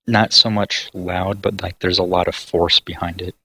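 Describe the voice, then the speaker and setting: A man with a low, bright voice narrates a tabletop game as its game master. He talks in a level, even tone and voices the sounds he describes. It sounds like voice chat through a headset. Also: moderate pace, husky, no room sound. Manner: descriptive, mimics sounds with his voice.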